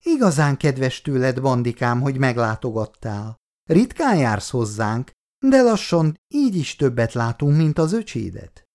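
A man's voice: sing-song, darkish tone. A male reader voicing a fierce, emotional elderly mother who scolds her grown sons. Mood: pleased. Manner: scolding, shrill outbursts.

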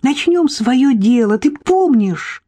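A woman's voice: expressive, slow pace, dark tone, heavily acted. A woman reading an audiobook, voicing a jealous, spiteful young woman who pleads and lashes out. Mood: wheedling. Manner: pleading then spiteful, rising shrill. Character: jealous scheming young woman, bitter and shrill.

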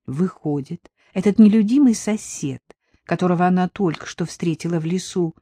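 A woman narrating an audiobook in a measured, even storytelling manner. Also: fairly low pitch, breathy edge, no echo. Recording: dry close studio sound.

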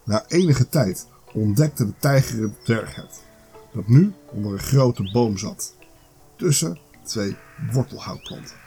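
A man's voice: fairly low pitch, animated, a little slow, dark tone, soft background music. Man reading a fairy tale aloud. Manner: casual reading with occasional stumbles. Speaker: podcast host.

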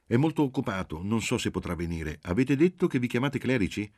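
A man putting on a brisk woman on the phone. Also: on the low side, big pitch swings, darkish tone, dry recording, clean studio sound, pitched above the performer's own voice. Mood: guarded. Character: woman answering a phone, curt. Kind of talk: audiobook reading.

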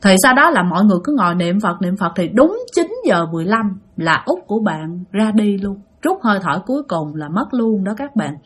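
A woman with a Southern Vietnamese accent narrating a ghost story in an animated, chatty way, speaking straight to her listeners. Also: medium pitch, fairly quick, hardly any pauses, husky.

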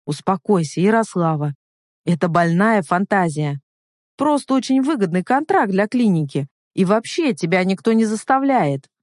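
A woman's voice: mid-range voice, sing-song, normal speed, a little mellow, dry recording, clean studio sound, close to an everyday voice. A woman voicing an evasive middle-aged male head doctor in an audiobook reading, talking in a placating, pleading way with a raised voice.

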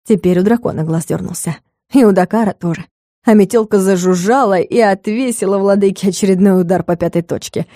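A woman narrating a comic fantasy audiobook in a measured, expressive way. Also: mid-range voice, dry recording, clean studio sound.

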